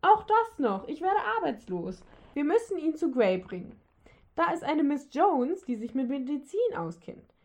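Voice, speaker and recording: A woman voicing an excitable male elf helper who gushes and panics. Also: high-pitched, measured pace, pitched above the performer's own voice. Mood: flustered. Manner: gushing and panicky.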